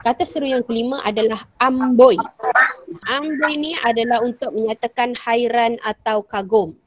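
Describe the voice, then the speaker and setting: A woman's voice: on the high side, fairly even intonation, normal speed, background noise. A woman primary school teacher with a Malaysian Malay accent, giving an online lesson and acting out example sentences with patient repetition. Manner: patient, repeats example sentences with acted intonation. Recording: dry, dull lo-fi sound.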